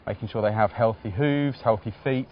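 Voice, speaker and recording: Male veterinarian, slightly dull recording. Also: lowish voice. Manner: measured, formal veterinarian explaining carefully in plain professional terms. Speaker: farm veterinarian. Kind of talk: explanatory interview answers.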